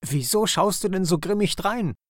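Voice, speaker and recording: A man's voice: sits high, normal speed, no echo, clean studio sound, voice pushed up, lightly acted. A man voicing a cheeky, grinning kingfisher bird in a children's audio story, teasing and giggly.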